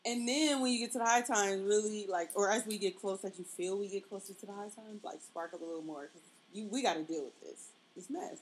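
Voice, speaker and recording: A woman's voice: medium pitch, a little fast, few pauses, a little hiss or hum, low-quality recording. A woman hosting a podcast in a casual, chatty style. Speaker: podcast host. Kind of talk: casual chat.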